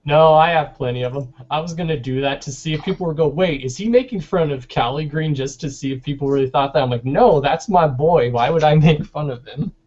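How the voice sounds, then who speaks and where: A man with a fairly high pitch talks briskly with few pauses, his voice a little mellow. He chats casually and offers his opinions on an online video hangout call that sounds dull.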